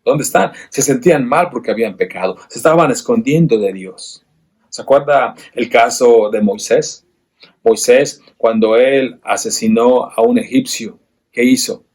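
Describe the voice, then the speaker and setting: A man's voice: medium pitch, a little slow, a little mellow, breathy edge. A man teaching a church Bible class, earnest and full of rhetorical questions to his listeners, often restarting and repeating words.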